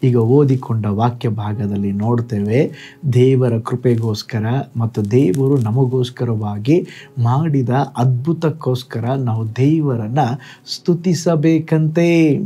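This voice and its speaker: A man preaching a short devotional sermon as a pastor, in a measured way. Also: medium pitch, warm tone, husky.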